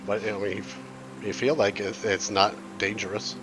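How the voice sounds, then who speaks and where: A man's voice: on the low side, flat delivery, moderate pace, over music. A man running a tabletop game as game master, chatting loosely and narrating scenes with frequent laughs.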